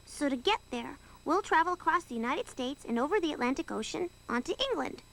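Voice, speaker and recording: Casting: a sharp, level-headed adventurer, high and lively, slight rasp. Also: female voice, fairly quick, full character voice. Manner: thoughtful, explaining. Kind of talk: children's TV sketch acting.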